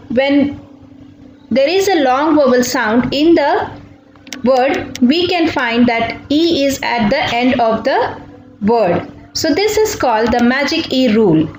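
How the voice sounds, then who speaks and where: A woman teacher giving a careful spelling lesson, spelling words out letter by letter. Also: high-pitched. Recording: echoey room with faint music.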